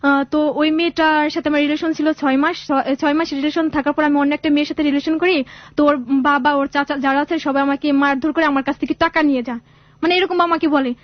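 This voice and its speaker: A woman's voice: high-pitched, fairly even intonation, quick pace, dry recording. A young woman calling a radio show to tell her life story, rambling and often restarting her sentences. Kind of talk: emotional personal storytelling on radio. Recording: dull lo-fi radio audio.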